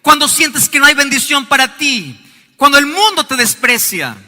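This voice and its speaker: A male pastor preaching a sermon, his voice swinging high and low and sometimes rising to a shout. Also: sing-song, moderate pace. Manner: preaching with sweeping rises and falls, shouting at times. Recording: long hall reverb.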